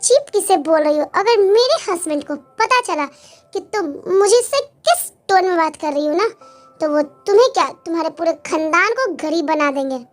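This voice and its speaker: A proud young wife who talks back with boastful, cutting lines, as a woman voices her in a fan-made dub. The voice is very high. Faint music sits underneath. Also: expressive, moderate pace. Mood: haughty. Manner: sassy, boastful. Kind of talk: Hindi fan dub acting.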